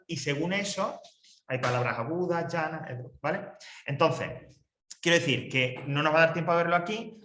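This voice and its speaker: Spanish male teacher, halting classroom explanations, bright tone, roomy echo. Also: fairly high pitch. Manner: hesitant, many restarts and checks with "¿vale?". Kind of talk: explaining grammar to adult class. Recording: echoey room, faint noise.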